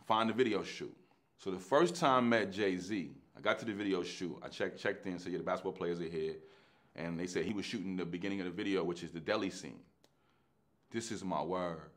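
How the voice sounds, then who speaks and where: A middle-aged man with a fairly low voice recounts his life as an actor. He acts out every exchange in street slang, dropping to a near whisper and then rising loud and fast. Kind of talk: animated anecdotal storytelling.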